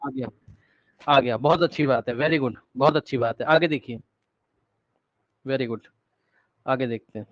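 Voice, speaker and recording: A male teacher giving a live online class lecture, energetic, repeating words rapidly to prod his students and coaxing them with questions. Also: medium pitch, dry recording. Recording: dull, dry online-class audio.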